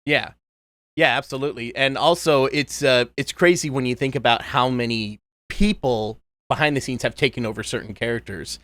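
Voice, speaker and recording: A man's voice: medium pitch, moderate pace, no echo. A man in his thirties, a voice impressionist chatting casually in an interview and slipping into cartoon voices. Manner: animated, drops into cartoon voices. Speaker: voice impressionist guest.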